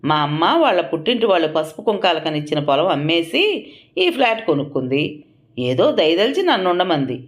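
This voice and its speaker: A woman's voice: sits low, very animated, brisk. A woman voicing a defiant young daughter-in-law who talks bluntly and sarcastically. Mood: defiant, sarcastic.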